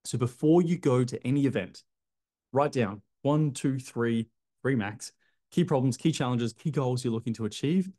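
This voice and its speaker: A man's voice: mid-range voice, normal speed, warm tone. A man, talking straight to camera as a business coach, emphatic and gesturing, calling the viewer his friend. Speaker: clinic business coach, video host. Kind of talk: direct-to-camera advice talk. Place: bright indoor apartment room by large windows.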